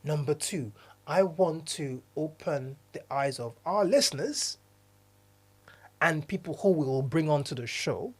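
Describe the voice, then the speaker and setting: A man's voice: fairly high pitch, expressive, unhurried, a little mellow. A man from Nigeria co-hosting a podcast in casual chat, speaking earnestly and often restarting his phrases. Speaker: podcast co-host, diversity consultant.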